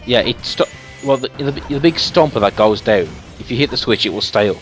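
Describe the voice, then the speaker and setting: A man playing through a game and chatting casually, lively and quick to chuckle, often repeating his words. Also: mid-range voice, faint music behind. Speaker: player narrating a playthrough. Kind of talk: casual gaming chat.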